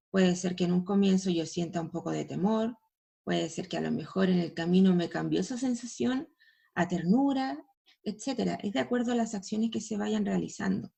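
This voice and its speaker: A woman's voice: mid-range voice, vocal fry, dark tone, husky. A woman teacher giving a recorded language lesson to schoolchildren, explaining step by step and pointing students to images. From Chile.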